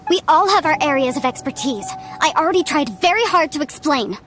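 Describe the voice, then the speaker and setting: An earnest young female archaeologist from a video game. Her voice is extremely high and girlish in pitch, and she argues with prickly, idealistic indignation over faint music. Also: lively intonation, fairly quick, a bit bright. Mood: defensive. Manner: defensive, idealistic, argumentative.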